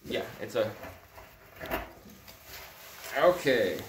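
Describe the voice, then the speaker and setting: A middle-aged man with a mid-range voice, very animated and extremely slow, rambles with plenty of ums and uhs while taking apart a cob heater. He's a natural builder giving a hands-on demonstration indoors in a barn workshop. The recording has a noisy background and roomy indoor echo.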